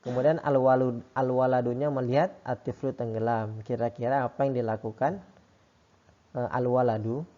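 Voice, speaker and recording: A man teaching a lesson, reading each phrase slowly and then explaining it quickly. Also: medium pitch, fairly even intonation, warm tone. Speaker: Arabic teacher. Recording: dull lo-fi sound.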